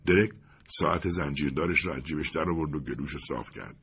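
A man calmly narrating an audiobook in an even storytelling manner. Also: extremely low pitch, breathy edge.

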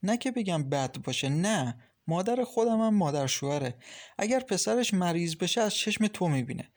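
A man's voice: high-pitched, voice pushed up. A man voicing a chatty advice-giving young wife. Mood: advising. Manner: lively, reassuring, lecturing kindly. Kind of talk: audiobook character reading.

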